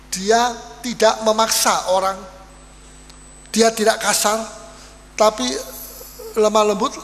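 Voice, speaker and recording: A pastor preaching a sermon in a church, animated and lively, acting out little quoted exchanges. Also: male voice, sits high. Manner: animated preaching with acted-out quotes and Dutch sayings. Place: church hall. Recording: reverberant church hall, faint hum.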